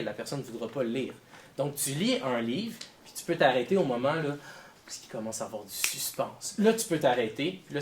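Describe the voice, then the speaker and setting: A man's voice: medium pitch, slight background noise. A man teaching a class of children, asking them questions as he goes. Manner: lively, questioning pupils.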